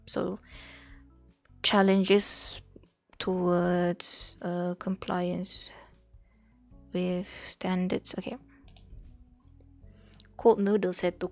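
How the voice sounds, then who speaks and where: A creaky, medium-pitched voice belongs to a young Malaysian woman streaming herself studying. She speaks casually with a Malaysian accent and plenty of fillers, code-switches between English and Malay, and occasionally reads her notes aloud; the recording is dry.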